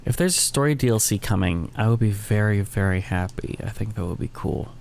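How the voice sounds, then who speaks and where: A man's voice: lowish voice, expressive, a little fast, gravelly, darkish tone, slight background noise. A man hosting a gaming channel, giving casual let's-play commentary and thinking aloud, often stopping to correct himself.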